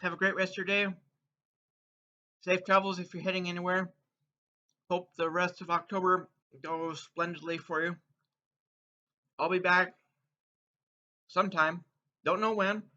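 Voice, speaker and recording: Male snack reviewer, high forceful voice, chatty and playful with viewers while crunching chips, slightly dull lo-fi recording. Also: little pitch movement, a little slow, pauses often. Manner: eats crunchy chips between remarks. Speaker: food taste-test reviewer and host. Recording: dull, muffled lo-fi sound.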